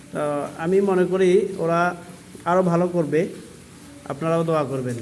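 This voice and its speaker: A young male primary school teacher in a classroom, calling pupils forward one by one and questioning them about their handwriting and homework, firm but gentle in manner. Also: high voice, slight background noise.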